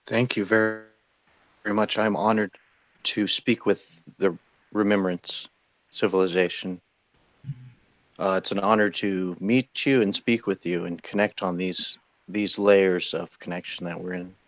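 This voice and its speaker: A man's voice: low-pitched, steady tone, unhurried, no room sound. A man interviewing in a spiritual session, asking reverent questions in a hesitant, deferential way.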